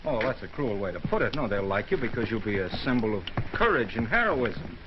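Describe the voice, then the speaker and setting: A man's voice: fairly low pitch, big pitch swings, fairly quick. An actor playing a slick, persuasive big-city newspaperman, glib and insistent, in 1930s screwball comedy banter from an old film. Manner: glib, insistent salesman patter. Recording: muffled, very noisy 1930s film soundtrack.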